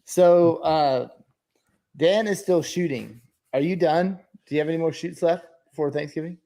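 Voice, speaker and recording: A man's voice: on the high side, normal speed, warm tone. A man chatting casually and informally as a co-host, with a folksy way of talking. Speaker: podcast co-host, volume photographer. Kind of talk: casual chat.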